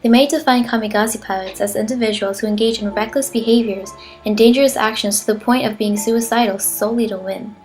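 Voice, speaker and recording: In this clip a woman narrates a patriotic wartime newsreel, her formal script delivered in an earnest, solemn, declarative way over background music. Her voice sits on the high side with a darkish tone, fairly even intonation and a fairly quick pace, staying close to how she'd normally talk.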